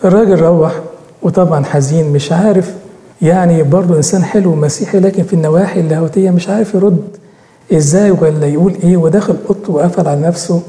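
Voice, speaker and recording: A man's voice: on the high side, fast, warm tone. A man with an Egyptian accent telling a story in a sermon, acting out the dialogue. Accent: Egyptian Arabic. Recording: echoey hall with long reverb.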